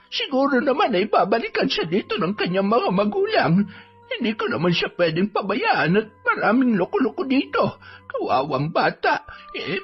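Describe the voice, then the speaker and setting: A fretful, soft-hearted old granny who sells herbs, voiced high and wavering by a man putting her on. She mutters her worries aloud in a storybook horror tale. The recording is dull and lo-fi, with music playing underneath. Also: exaggerated voice. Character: kindly old woman herb seller.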